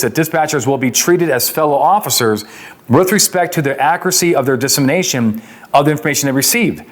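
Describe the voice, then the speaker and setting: An American-accented man with a medium-pitched voice delivers an explanatory law lecture. His style is emphatic and chatty, and he regularly poses questions before answering them as an instructor would.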